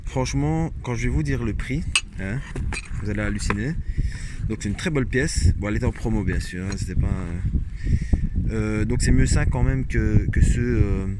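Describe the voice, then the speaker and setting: A man's voice: fairly low pitch, moderate pace, heavy background noise. A man with a Belgian French accent chats casually through an unboxing video. He jokes, rambles and throws in lots of "hop" and "hein" as he talks. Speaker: vlogger. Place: outdoors in cold wind.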